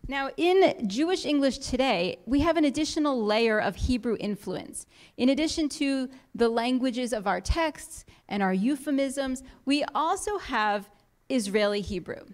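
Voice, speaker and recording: A woman's voice: sits high, lively intonation, measured pace. A woman giving an explanatory talk to a congregation in a synagogue, lightly humorous and full of quoted examples. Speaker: guest speaker. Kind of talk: lecture to a congregation.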